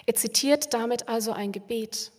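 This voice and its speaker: A woman speaking as a pastor in a calm, reflective way, repeating phrases for emphasis. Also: fairly high pitch, moderate pace. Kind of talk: spiritual reflection on prayer. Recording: long hall reverb.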